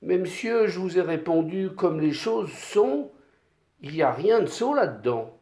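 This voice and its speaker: A man voicing a clever ten-year-old peasant boy who answers in calm, cheeky riddles, in a voice raised above his own. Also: sits high, a little slow, voice pushed up, heavily acted. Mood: insistent. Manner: matter-of-fact, cheeky riddling replies. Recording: echoey room.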